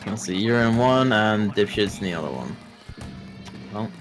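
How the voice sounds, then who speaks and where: A man's voice: on the low side, expressive, moderate pace. Sarcastic, sweary man chatting over games. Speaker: co-host. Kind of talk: casual gaming chat while playing. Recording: game music playing behind.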